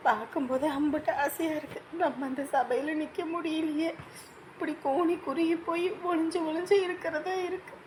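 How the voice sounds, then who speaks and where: A woman's voice: high voice, background noise, close to an everyday voice. An actress playing a shunned woman, speaking in a hurt, pleading and defensive way. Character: shunned woman, ashamed and wounded. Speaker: estranged sister of the host family. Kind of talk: village family drama acting.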